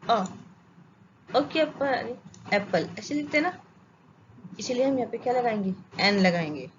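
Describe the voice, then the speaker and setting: A woman's voice: a little high, moderate pace, slight background noise. Indian woman teaching grammar, repeating herself. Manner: repeats questions and answers them herself; coaxing, asks students to check they follow. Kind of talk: classroom lesson explaining grammar. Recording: dull lo-fi sound with faint ambience.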